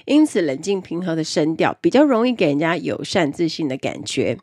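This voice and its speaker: Woman explaining how to talk well, kinda low husky voice, bounces up and down a lot, punches the list words. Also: big pitch swings, a little fast, a little mellow, no room sound, studio quality. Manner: explanatory, stresses key words in lists. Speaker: self-improvement presenter. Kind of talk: instructional talk on speaking skills.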